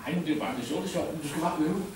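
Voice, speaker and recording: A man's voice: a little high, pitched above the performer's own voice, close to an everyday voice. A man voicing an eager little frog child with a chirpy, repetitive way of talking in a live story. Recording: echoey room, distant mic, noisy.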